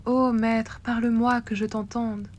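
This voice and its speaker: A woman's voice: fairly high pitch, level tone, measured pace, darkish tone. A woman voicing a cruel, jealous sorceress queen who laments over her lover, recited in a storybook reading. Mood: lamenting.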